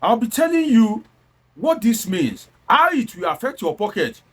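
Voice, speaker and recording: A Nigerian-accented man's sing-song voice sits high, a bit bright with a breathy edge, at normal speed. His satirical take on politics is informal and exclamatory, laced with rhetorical questions, and he slips from standard English into Nigerian Pidgin and back.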